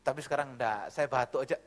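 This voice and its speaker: A man's voice: mid-range voice, moderate pace. A middle-aged man from Java, a pastor preaching a sermon with jokes and acted-out voices. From Java, Indonesia. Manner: lively, joking storyteller, acts out voices.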